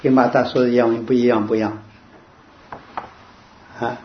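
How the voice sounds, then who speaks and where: A man leading an informal Bible study, quizzing his listeners and quoting verses in a slow, drawn-out way. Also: medium pitch, little pitch movement. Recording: dull lo-fi with faint hiss.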